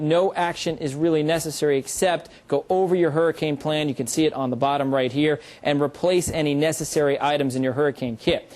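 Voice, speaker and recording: A man with an American accent delivering a broadcast weather forecast, explaining key points in an informative way with measured emphasis. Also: on the high side, a little mellow.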